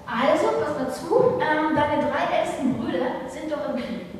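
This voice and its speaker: Bossy old father Isai, handing out orders in brisk, commanding phrases, as a woman acts him out. Her voice stays high and rings through a large, echoing hall. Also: natural voice. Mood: instructing. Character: David's father Isai, bossy older man. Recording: echoey hall from far off.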